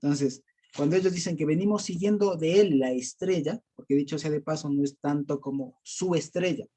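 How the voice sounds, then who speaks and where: At a moderate pace and with a mellow voice on the high side, a man with an Ecuadorian accent runs a Bible study. Conversational and quick to laugh, he fills his speech with fillers and repeatedly poses rhetorical questions to listeners.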